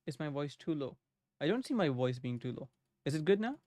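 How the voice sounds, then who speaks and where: A young man streams live from his home desk, thinking aloud while he codes and greeting viewers in chat, a casual live coding session. His voice is a little high and fairly quick, with big pitch swings and a darkish tone. The desk microphone gives studio-quality sound with no room sound.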